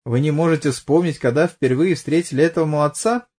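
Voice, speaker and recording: A man's voice: on the high side, a little fast, darkish tone, pitched above the performer's own voice, close to an everyday voice. Man voicing a pushy cop who keeps needling, sarcastic and blunt. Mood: probing. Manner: pressing, mocking, blunt. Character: pushy sarcastic middle-aged police detective.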